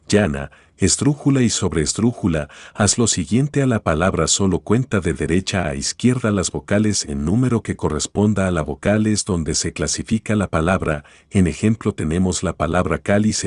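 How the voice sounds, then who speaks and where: Deep husky male teacher, dry sound. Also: no room sound. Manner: calm, explanatory, guides listener through an imagined story. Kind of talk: spoken grammar lesson.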